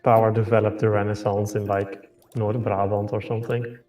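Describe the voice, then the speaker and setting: A man with a low-ish, slightly mellow voice and flat delivery speaks at normal speed, casually advising a fellow player on strategy during a game. The recording is roomy, with a distant mic and music in the background.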